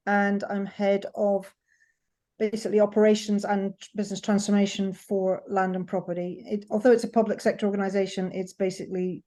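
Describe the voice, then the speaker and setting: A woman's voice: mid-range voice, flat delivery, a little fast, warm tone. A woman, a head of operations, introducing herself on a video call in a matter-of-fact way. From Scotland.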